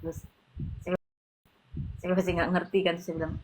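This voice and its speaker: A woman's voice: on the low side, flat delivery, fairly quick, darkish tone, a little hiss or hum, poor audio. A woman casually telling her testimony in a chatty way, full of fillers, recorded on a handheld phone. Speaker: convert giving testimony. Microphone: handheld phone, no tripod.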